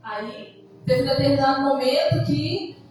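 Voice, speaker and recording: Brazilian woman pastor, high voice, conversational preaching, heard from far off in an echoey church hall with soft music. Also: measured pace. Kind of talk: sermon.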